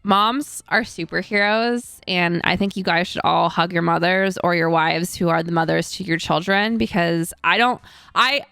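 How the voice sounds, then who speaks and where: A woman's voice: normal speed, creaky, a bit bright, smooth, no echo. A young adult woman chatting casually as a co-host, telling a rambling story full of fillers and now and then acting out what people said. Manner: acts out quoted voices in a higher pitch. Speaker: streamer and co-host. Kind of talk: casual chat.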